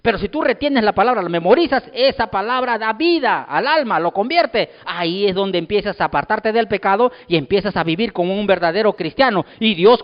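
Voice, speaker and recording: A pastor preaching a sermon, emphatic and repetitive, firing rhetorical questions at the congregation. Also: male voice, high-pitched. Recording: dull lo-fi sound with long hall reverb.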